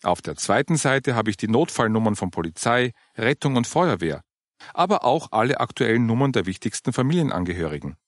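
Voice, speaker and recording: Here a male narrator takes on the role of a calm older woman from church, patient and mildly cheerful while she explains. Her voice rides slightly higher than his usual one, with broad swings in pitch. The recording is dry, close, and brisk.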